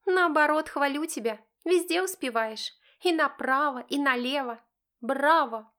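A woman's voice: high-pitched, measured pace, fairly bright tone, pitched above the performer's own voice. A woman reading an audiobook, voicing a brazen, venomous teenage girl with sarcastic defiance. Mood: mocking. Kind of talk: audiobook character voice.

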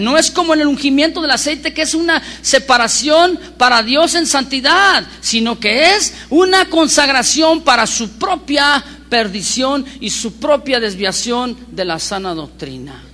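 A man preaching a sermon as pastor, telling stories with lively emphasis and asking the congregation rhetorical questions. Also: very high voice. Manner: animated storyteller with rhetorical questions.

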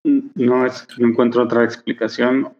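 A man co-hosting a comics podcast who backs up his partner and explains his points calmly. His voice sits at an ordinary pitch. The recording sounds slightly dull and lo-fi. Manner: short agreeing interjections, measured explanations. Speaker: podcast co-host. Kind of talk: casual comic-book discussion podcast.

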